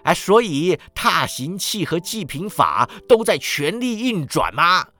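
A man voicing a bitter, miserly old man who snaps out his lines in a high, loud voice. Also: very animated, unhurried, soft background music, heavily acted. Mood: scornful. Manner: snapping, high-pitched shouts.

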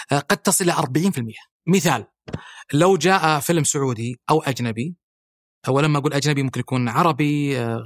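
Fast-talking Saudi man, crisp dry sound. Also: a little high, no echo. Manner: fluent with frequent "aah" fillers and restarts, listing points. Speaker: guest, head of a national film body. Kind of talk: podcast interview, explanatory.

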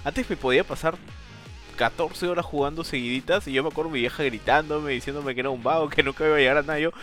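Bright-voiced man, rambling chat. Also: a little high, quick pace, soft background music. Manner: rambling, self-mocking, lots of fillers. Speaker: podcast co-host. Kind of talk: casual chat.

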